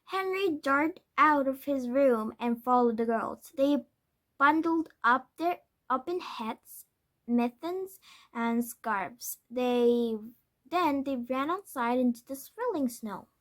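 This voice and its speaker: Reading a scripted children's book aloud, a woman storyteller uses a high-pitched, expressive voice. She goes slowly and haltingly, stumbling over words and correcting herself along the way.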